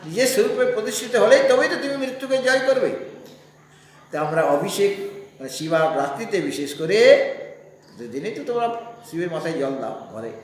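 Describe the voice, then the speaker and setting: High-voiced man teaching scripture, very echoey. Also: very animated, a little hiss or hum. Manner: explains slowly, asks listeners rhetorical questions. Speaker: Vedanta teacher. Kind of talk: scripture class discourse. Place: spiritual society hall. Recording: heavy echo in a hall.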